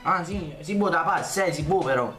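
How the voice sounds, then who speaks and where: A man's voice: on the high side, moderate pace, music in the background. A man with a Neapolitan accent bantering in street slang on a prank call.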